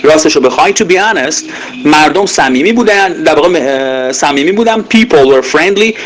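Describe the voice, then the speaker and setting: Guy teaching english grammar, lots of "uh", says examples real slow, voice a bit high, soft hiss behind. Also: lively intonation, low-quality recording. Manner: explains in Persian, says English example sentences slowly and clearly; many filler pauses while explaining. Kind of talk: recorded grammar lesson.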